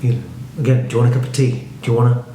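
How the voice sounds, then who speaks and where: Man with a Liverpool accent, acting coach, brisk and opinionated, medium pitch, roomy echo, faint background hiss. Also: steady tone, mellow. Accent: Liverpool English. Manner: brisk, opinionated, breaks lines into halves. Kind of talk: verse-speaking lesson. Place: home studio room. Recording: echoey room with faint noise.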